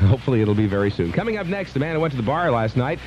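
A man's voice: medium pitch, very animated, rapid-fire, darkish tone, slight background noise. A man presenting live radio as a DJ, casual and loose with joking asides. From Southern California. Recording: dull lo-fi radio broadcast with music.

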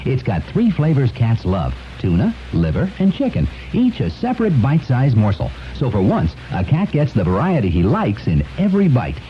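A man delivering a chipper, playfully polished sales pitch as a retro commercial announcer. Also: huge pitch swings, moderate pace, few pauses. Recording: dull lo-fi radio ad with music.

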